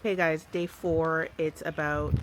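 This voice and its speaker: A woman's voice: sits low, level tone, slow, background noise. A woman vlogging casually about her routine, talking informally and directly to her viewers, like a gardening host. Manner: chatty, informal, addressing viewers. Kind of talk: casual vlog chat to viewers.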